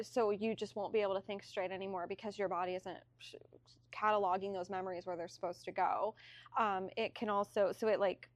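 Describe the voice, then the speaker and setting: A young adult woman, a podcast guest, calmly explaining things step by step with frequent ums. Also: mid-range voice, dry recording.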